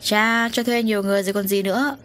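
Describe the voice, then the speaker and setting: A woman's voice: mid-range voice, fairly quick, a little hiss or hum, natural voice. A woman voicing a careless, drunk young man in an audio story, dismissive and slurred.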